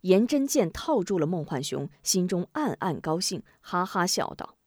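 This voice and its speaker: A woman storyteller narrating a traditional martial arts tale in an animated, expressive way. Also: lowish voice, moderate pace, no room sound, studio quality.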